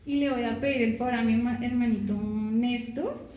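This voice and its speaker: A woman preaching a sermon, slow and repetitive, often asking the listeners to answer. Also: fairly high pitch, steady tone, warm tone, reverberant, a little hiss or hum, low-quality recording. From Colombia. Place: church.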